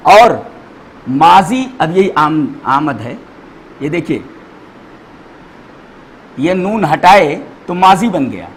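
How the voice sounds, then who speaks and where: In a low-quality recording with slight hiss or hum, a man with a somewhat high, sing-song voice leads a grammar class. He says each word slowly again and spells out its letters and vowel marks for the students.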